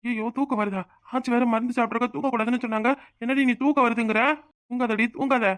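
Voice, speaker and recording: A woman voicing an emotional young village husband in a cartoon, with a Tirunelveli Tamil accent, pleading and quick to flare up. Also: on the high side, steady tone, no echo, clean studio sound, natural voice. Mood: earnest. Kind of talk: cartoon voice acting.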